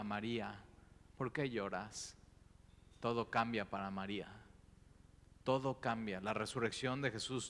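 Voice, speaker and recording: Male pastor, relaxed conversational sermon delivery, echo of a big church room. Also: medium pitch. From Mexico. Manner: expressive, informal preaching with casual asides. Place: church auditorium. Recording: long reverb of a church hall.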